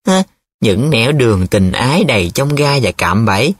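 A man's voice: medium pitch, very animated, slightly rough, dry recording, studio quality. A man playing Chuyên, a blunt young student. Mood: mocking. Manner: quick, probing questions.

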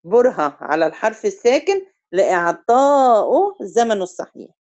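A woman with an Egyptian Arabic accent teaching a recitation review lesson. She quizzes her students and stretches example words out slowly to demonstrate them. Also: medium pitch, sing-song, a little mellow, muffled recording.

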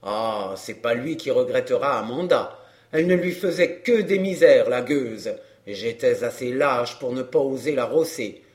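A man doing a middle-aged fairground clown down on his luck, grumbling in rough street slang. He sounds bitter and close to tears, in a plain mid-range voice, as in a read-aloud novel. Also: medium pitch, normal speed, darkish tone, natural voice. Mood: lamenting. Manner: coarse popular slang, grumbling. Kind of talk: audiobook character reading.

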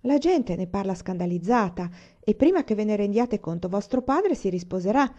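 A woman's voice: mid-range voice, expressive, moderate pace, dark tone, dull audio, close to an everyday voice. A woman voicing a blunt, stubborn orphan girl with a gloomy, matter-of-fact way of talking, read as an audiobook.

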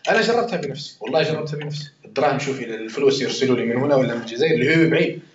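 Algerian male Quran teacher, rapid and conversational, quizzing his circle; roomy, muffled recording. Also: medium pitch, animated, a little hiss or hum. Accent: Algerian Arabic. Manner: conversational, swears oaths, quizzes listeners. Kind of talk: informal Quran commentary lesson.

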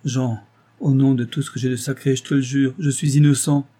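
A man's voice: medium pitch, little pitch movement, brisk, warm tone, husky, lightly acted. A man reading aloud, voicing an anguished young nobleman who pleads and protests in agitation. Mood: desperate.

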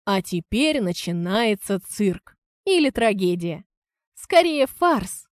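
A woman reading an audiobook, voicing a calm, ironic young man who speaks in a measured way. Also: medium pitch, no room sound, clean studio sound. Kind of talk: audiobook character voice.

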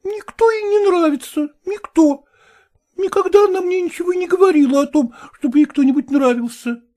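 A woman's voice: very high-pitched, brisk, warm tone, voice pushed up. A woman voicing a timid young daughter who protests tearfully, in an audiobook reading. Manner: tearful, whining.

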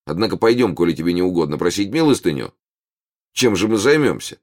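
A man's voice: low voice, fast, pitched above the performer's own voice, exaggerated voice. A man voicing a cunning teenage beggar boy who mocks and bosses his companion, in an audiobook. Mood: mocking. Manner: sneering, lively, bossy. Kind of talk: audiobook character voice.

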